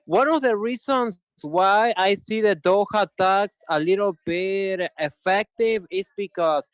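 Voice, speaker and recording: Guy calling in on a choppy call, audio dropping out, high smooth voice, stops and restarts a lot. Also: no echo. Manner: halting, with false starts. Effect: remote call audio cutting in and out. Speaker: call-in participant on a live stream. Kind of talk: casual discussion.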